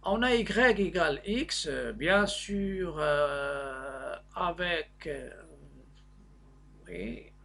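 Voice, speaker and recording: A male maths teacher with a fairly high, husky voice explains a worked problem. He goes step by step, halting and hesitating as he builds the explanation, with a creaky edge to his speech. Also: animated, fairly bright tone.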